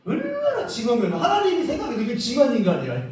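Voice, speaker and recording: A male pastor preaching a lively, joking revival sermon, acting out prayers as he goes. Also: very high-pitched, fast, a crowd in the background. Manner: animated, joking, acts out prayers. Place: church sanctuary. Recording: echoey hall from far off.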